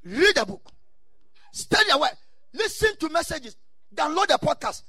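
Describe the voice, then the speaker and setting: A man's voice: extremely high pitch, sing-song, moderate pace, bright, forceful tone, no room sound, clean studio sound. A man with a Ghanaian accent preaching a sermon in exhorting, repeated short phrases, mixing English with Ghanaian Pidgin and Twi.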